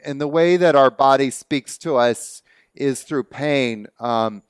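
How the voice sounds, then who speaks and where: Smooth-voiced Canadian man hosting a webinar. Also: mid-range voice, dry recording. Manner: relaxed, chatty, laughs easily. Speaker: webinar host and movement teacher. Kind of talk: casual online webinar talk. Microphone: video call.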